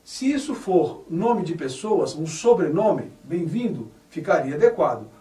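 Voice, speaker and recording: A high-voiced man teaches grammar at a slow, deliberate pace, leaning hard on each corrected word. His voice rises and falls a lot. He sits back from the mic in an echoey room. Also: big pitch swings, warm tone, distant mic. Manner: spells out words carefully, stressing correct forms.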